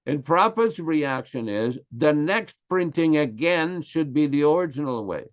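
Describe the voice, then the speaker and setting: An older man from Quebec, Canada, speaks with a Québécois French accent in a slightly high, expressive, smooth voice. He gives a religious class, lecturing on scripture in an earnest, emphatic way and stressing key words slowly. The recording is slightly dull, lo-fi audio.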